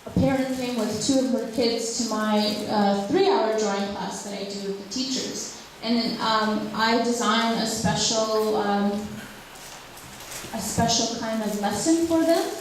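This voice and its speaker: Speaking unhurriedly in a slightly high voice, a woman from Ukraine who teaches drawing fields questions from the audience at a public talk. She hesitates, restarting often and filling gaps. The mic sits far off in an echoey hall, with slight background noise.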